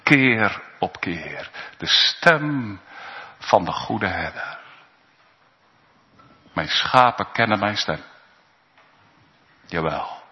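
A man preaching a sermon in a church, slow and emphatic, with pauses and rising calls. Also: on the low side, very animated, slight background noise. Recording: dull recording in a reverberant church.

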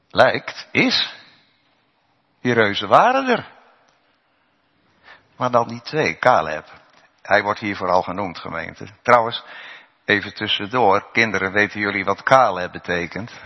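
A man preaching a sermon to his congregation, swinging between loud raised passages and low hushed ones. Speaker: pastor. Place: church. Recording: dull lo-fi church recording with long reverb.

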